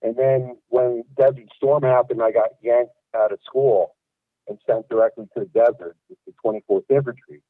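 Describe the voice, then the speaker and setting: A man's voice: medium pitch, steady tone, moderate pace, dry recording. A middle-aged man calling in to a radio show. His voice comes over a hollow phone line that sounds like he is talking through a pipe, and he asks plain questions with short restarts. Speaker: caller. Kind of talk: call-in radio chat. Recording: tinny muffled phone line.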